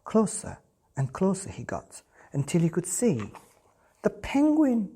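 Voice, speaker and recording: A storyteller reading a children's bedtime picture book aloud to young listeners, with a husky, breathy voice. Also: medium pitch, wildly swooping pitch, measured pace, warm tone. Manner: addresses children directly with questions. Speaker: bedtime story podcast reader.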